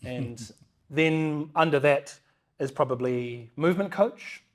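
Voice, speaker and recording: A man's voice: on the high side, slow. Playful man. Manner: playful, rambling with fillers. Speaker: guest. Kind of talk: casual interview chat.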